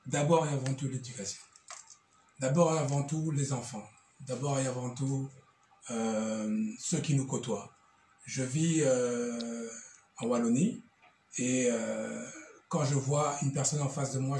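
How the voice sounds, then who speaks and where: A middle-aged man from Belgium, a guest speaking earnestly in an interview, halting and repeating words as he searches for them. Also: medium pitch, warm tone, a little hiss or hum. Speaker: guest, association representative. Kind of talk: earnest testimony in a talk show interview.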